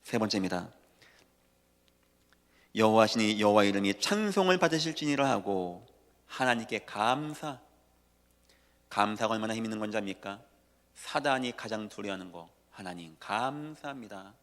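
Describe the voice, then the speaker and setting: A male pastor preaching a sermon, emphatic, swinging between hushed lines and loud declarations. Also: lowish voice, expressive, normal speed, long pauses. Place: church sanctuary. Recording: long church reverb.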